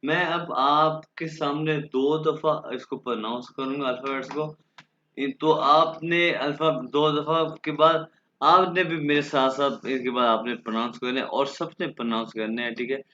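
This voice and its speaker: A man whose first language is Urdu, teaching a German class online and slowly drilling the alphabet for students to repeat. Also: mid-range voice, fairly even intonation, sharp tone, echoey room, lo-fi sound, a little hiss or hum. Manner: slow, patient, drills letters aloud for students to repeat.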